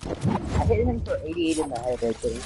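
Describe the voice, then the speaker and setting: A man's voice: fairly high pitch, very animated, brisk. A man in casual gaming chat, slangy and teasing with the other players. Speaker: gamer on voice chat. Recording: noisy game audio with gunfire. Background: gunfire and clicks from video game.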